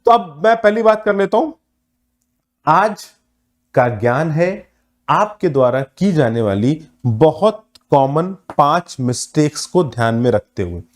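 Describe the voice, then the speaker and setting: A man teaching a live online class, speaking emphatically with drawn-out words and pauses, mixing English terms in and addressing students as friends. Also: a little high, big pitch swings. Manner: mixes English words into the talk. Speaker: online exam-prep teacher.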